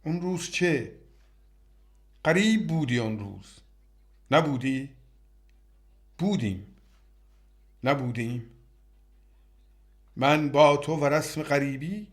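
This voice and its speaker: A man's voice: a little high, lively intonation, long pauses. A man reciting a poetic dialogue with himself, trading short, brooding questions and answers.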